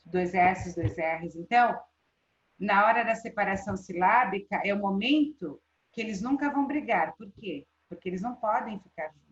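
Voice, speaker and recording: A woman's voice: mid-range voice, expressive, moderate pace. A woman teacher with a Brazilian Portuguese accent giving a live online class, checking in with students often. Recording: roomy, dull lo-fi sound.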